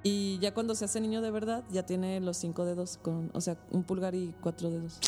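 A woman's voice: on the low side, flat delivery, normal speed, dark tone, faint music behind. A woman with a Mexican accent casually retelling a film plot as a podcast host, full of slang and loose rambling. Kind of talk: casual storytelling.

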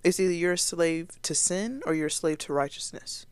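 A woman's voice: lowish voice, moderate pace, darkish tone, smooth, no echo. A woman giving a casual Bible teaching to her viewers, earnest and conversational, with fillers and restarts along the way.

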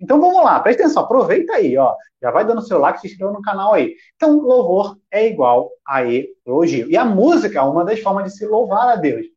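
Lively man teaching on a live stream. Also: sits high, fast talker, hardly any pauses, highs cut off. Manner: lively, asks himself questions and answers; talks directly to chat viewers. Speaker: worship music teacher.

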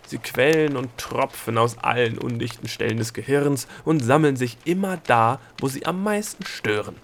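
A man voicing an excitable bald male gnome guide in a storybook reading, calling out eagerly in a raised voice. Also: mid-range voice, moderate pace, a little hiss or hum, natural voice. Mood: excited. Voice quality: hoarse laugh.

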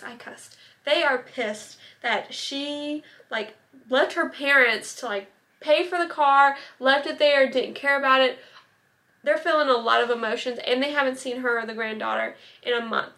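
A woman's voice: high-pitched, normal speed, pushed and bright. A young woman casually telling a true-crime story, chatty, full of "like" and little asides. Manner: chatty, many "like" fillers and asides.

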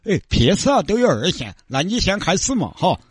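A man plays a bossy middle-aged mother with a Sichuan accent who prods her husband through a staged scene. The voice is high and animated, and the recording is dry. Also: fairly quick, slightly rough, no echo, exaggerated voice.

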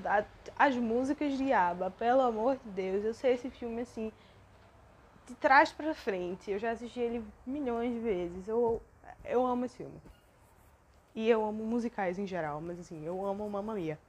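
A young woman with a Brazilian accent talks alone into the mic for her podcast. Her talk is rambling and self-deprecating, and she gets emotional easily. Her pitch sits in the middle for a woman. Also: a little slow, husky. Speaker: podcast host. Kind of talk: personal monologue podcast.

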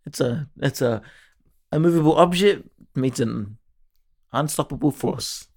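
Young man, gravelly fry, podcast co-host, casual sports banter, slangy, matey, jokey. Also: medium pitch, measured pace, a little mellow.

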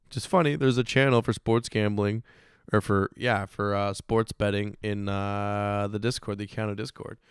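A man in his thirties from Michigan, hoarse from losing his voice, chatting casually in a rambling, self-interrupting way with frequent laughs. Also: lowish voice, steady tone, moderate pace, no echo, clean studio sound. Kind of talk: casual chat.

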